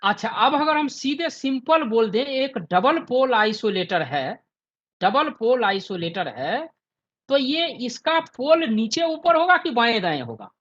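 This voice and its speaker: A man's voice: very high-pitched, very animated, measured pace, a bit bright, highs cut off. A man in his fifties teaching an online class, who keeps checking with his students and repeating his points.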